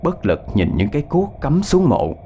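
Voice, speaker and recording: A man narrating a ghost story in an expressive, dramatic reading. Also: on the high side, normal speed, slight background noise. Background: soft background music.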